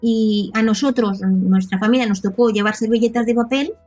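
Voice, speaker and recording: Appearing as a podcast guest, this thirtysomething woman from Catalonia, Spain, speaks casually with a Catalan accent and frequent tag questions, her native language being Catalan. Her voice is fairly high, a little mellow and fairly even, at normal speed, with soft music in the background.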